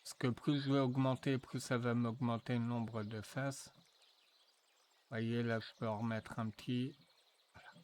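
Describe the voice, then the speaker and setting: A man walking viewers through a software tutorial, thinking aloud with frequent fillers and restarts. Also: medium pitch, level tone, a little hiss or hum. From France. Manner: slow, hesitant, thinking aloud with many fillers. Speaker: tutorial presenter. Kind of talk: screen-recorded software tutorial.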